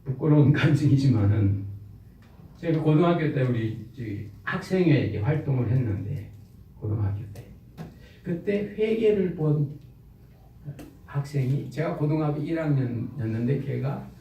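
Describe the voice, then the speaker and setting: A man's voice: medium pitch, animated, moderate pace, dark tone, dull audio, slight background noise. A male pastor preaching a sermon in a church sanctuary, emphatic and full of rhetorical questions to the congregation. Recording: echoey church hall, mic far off.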